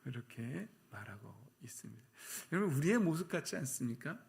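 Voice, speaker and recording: Middle-aged guy pastor preaching, switches into little voices for the story bits, pretty lively. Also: mid-range voice, fairly quick, creaky. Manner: animated, acts out voices of characters in the story. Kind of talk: sermon.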